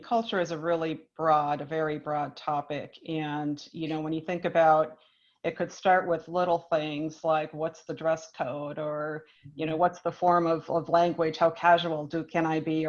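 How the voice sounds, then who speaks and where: A woman from Minnesota, a business leader speaking on a panel in a measured, thoughtful way with frequent restarts. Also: sits low, little pitch movement, highs cut off. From Minnesota, United States. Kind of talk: panel discussion.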